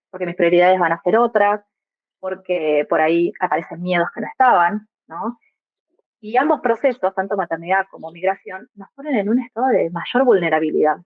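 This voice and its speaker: A young migrant mother from Argentina guests on a reflective podcast, speaking thoughtfully in an Argentine Spanish accent and frequently tacking on small tag questions. Her medium-pitched voice comes through dry, with phone-quality sound.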